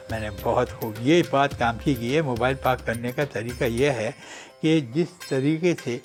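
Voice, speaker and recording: A man hosting a radio show, telling funny anecdotes in a chatty, joking way and acting out the quotes. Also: medium pitch. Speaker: radio host. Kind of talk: humorous radio storytelling.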